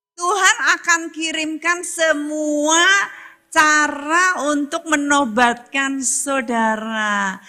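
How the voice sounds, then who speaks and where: Bright, high-voiced woman preacher, lilt. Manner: emphatic, repeats phrases, talks straight to the congregation. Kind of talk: sermon.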